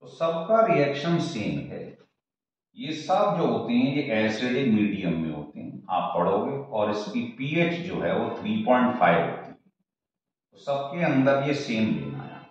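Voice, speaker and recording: Slow, echoey male chemistry teacher. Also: medium pitch, sing-song. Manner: repeats steps, asks the class questions. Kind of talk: classroom lecture at a board. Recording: echoey, dull, distant room mic.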